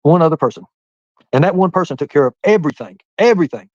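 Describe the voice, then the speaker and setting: This fast-talking man in his forties has a fairly high, expressive voice as he chats casually on a live stream, rambling through the chat and calling out viewers by name. The recording is dry and muffled.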